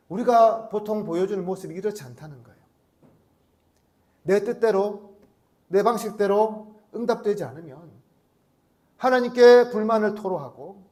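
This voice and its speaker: A man's voice: high-pitched, a little mellow. A male pastor preaching a Sunday sermon, often putting rhetorical questions to the congregation and acting out short prayers and dialogue in his own voice.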